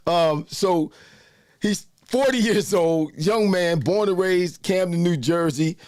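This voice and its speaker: A man's voice: high voice, slow, a little mellow, no echo. A man in his sixties hosting a casual live show, chatting loosely and greeting viewers by name. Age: 60s. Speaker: host. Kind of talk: casual livestream chat with viewers.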